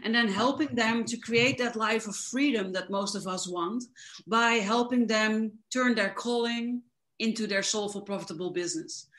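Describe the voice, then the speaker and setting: A woman's voice: a little high, normal speed, a bit bright. A woman from the Netherlands, a coach explaining her work fluently and enthusiastically in an interview. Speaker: guest, coach. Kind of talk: casual interview.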